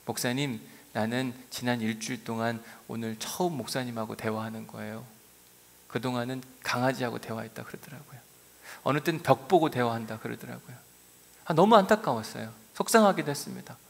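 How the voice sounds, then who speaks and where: A middle-aged male pastor preaching a sermon, telling stories with lively swings between soft asides and raised emphasis. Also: mid-range voice, a little fast, creaky. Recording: long hall reverb.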